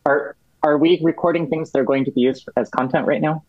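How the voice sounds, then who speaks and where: A man guesting on a talk podcast, laying out a policy matter step by step in a measured, detailed manner. He often restarts his sentences. The sound is dull and lo-fi, with a dry, close feel. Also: fairly high pitch, steady tone, darkish tone, no echo. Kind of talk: explaining policy in conversation.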